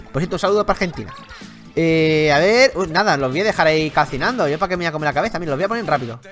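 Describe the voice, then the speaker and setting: A man with a Spain Spanish accent commenting on his video game playthrough, excitable, with loud exclamations and slang. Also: on the high side, fast, faint music behind. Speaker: gaming youtuber.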